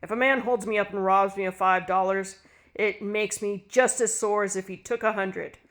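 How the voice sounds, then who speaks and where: Storybook villain: woman reading a harsh, ruthless husband, low and growling. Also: fairly even intonation, moderate pace, a bit bright, close to an everyday voice. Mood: cold. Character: ruthless cold middle-aged husband.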